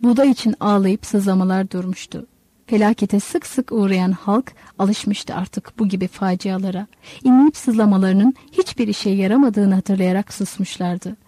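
A woman narrating a literary novel in a measured, storytelling manner. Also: mid-range voice, mellow, dry recording. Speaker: audiobook narrator.

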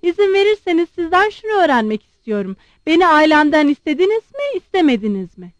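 A woman playing a sharp, demanding young lady. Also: very high voice, sing-song, no room sound, pitched above the performer's own voice. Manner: sharp, demanding, quick questioning. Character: proud, blunt young woman interrogating a suitor.

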